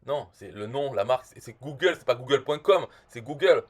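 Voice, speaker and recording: A man's voice: medium pitch, lively intonation, brisk. A man delivers a rambling comic rant as a self-appointed marketing expert. He is blunt and crude, and he keeps restarting his sentences as he circles back to the same complaint.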